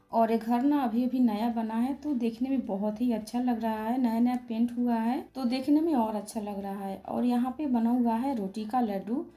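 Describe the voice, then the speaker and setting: A hoarse woman with a Bihari Hindi accent, narrating a casual vlog slowly and softly to spare her sore throat. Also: fairly high pitch. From Bihar, India. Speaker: vlogger.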